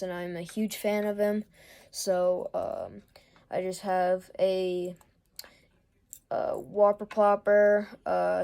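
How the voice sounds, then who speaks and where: A young woman casually showing her fishing gear, rambling with many fillers and trailing pauses. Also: medium pitch, mellow. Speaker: fishing vlogger.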